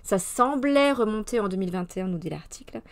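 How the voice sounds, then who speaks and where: A woman's voice: medium pitch, expressive, brisk. A woman hosting a casual live culture show, chatting and answering viewer comments, with frequent fillers and moments where she drops to a whisper. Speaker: mother of young children.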